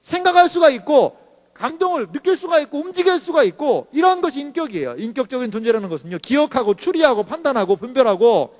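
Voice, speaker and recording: A man's voice: very high-pitched, very animated, fast, darkish tone, long reverb tail. A male pastor preaching a sermon in a chatty way, often asking the congregation questions.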